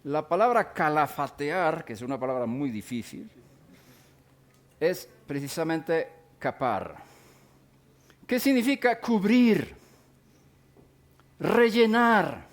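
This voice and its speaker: High, lively middle-aged male Bible teacher. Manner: deliberate, stops to define and repeat key words. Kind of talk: sermon-style teaching.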